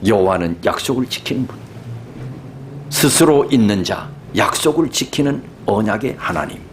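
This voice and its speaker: A man preaching a sermon as a pastor, animated and conversational, often asking the congregation questions. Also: on the low side, moderate pace, a little hiss or hum.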